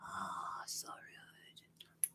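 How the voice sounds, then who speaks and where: A woman's voice: very slow, whispered. A woman in her late thirties co-hosting a livestream, chatting in a rambling, casual way and reading out viewer names. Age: late 30s. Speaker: co-host of a horror watch-party stream.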